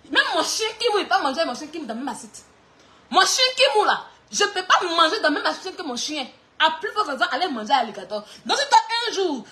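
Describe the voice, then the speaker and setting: A woman delivers a mocking insult clash, laughing through her lines. Her voice sits very high and swings widely in pitch. The tone is bright and sharp. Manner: mocking, often laughing while talking. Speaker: online clash streamer.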